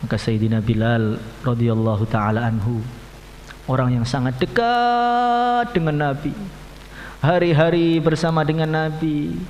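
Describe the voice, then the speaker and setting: A man preaching an evening sermon, telling stories with passion, dropping to hushed low lines and then rising to raised cries, often adding Arabic honorifics. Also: measured pace. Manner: impassioned storytelling, swinging between hushed low lines and raised high cries; peppers speech with Arabic honorifics. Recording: echoey hall with faint hum.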